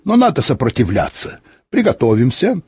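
A man's voice: medium pitch, wildly swooping pitch, normal speed, darkish tone, husky, dry recording, studio quality, heavily acted. A man reading an audiobook, voicing a stern older ship captain who gives curt orders in broken, German-accented Russian. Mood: grim.

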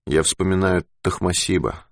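A man voicing a grave, measured male expedition commander in an audiobook. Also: deep voice, a little mellow, dry recording, clean studio sound.

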